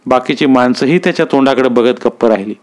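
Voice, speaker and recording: A man reading a village story aloud in a steady, expressive narration. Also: mid-range voice, fast talker.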